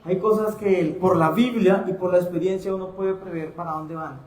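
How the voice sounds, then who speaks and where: A man preaching a sermon as pastor in a church, speaking in a lively way and acting out his congregants' voices. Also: high voice, normal speed, roomy sound.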